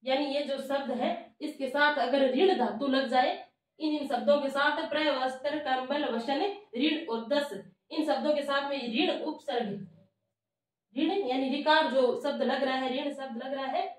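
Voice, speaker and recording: A woman teaching a grammar lesson, speaking slowly and repeating each term as if dictating to students. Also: high voice, steady tone. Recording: echoey room, voice from far off.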